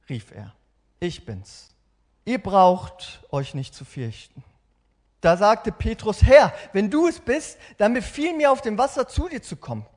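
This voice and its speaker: Slow, dramatic scripture reading by a young male preacher, wide pitch swings. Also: heavily acted. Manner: expressive, slowed, theatrical.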